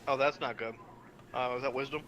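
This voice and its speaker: A man playing in a tabletop game, chatting quickly with self-deprecating banter. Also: medium pitch, fairly even intonation, fairly bright tone, a little hiss or hum. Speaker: player. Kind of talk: casual tabletop play.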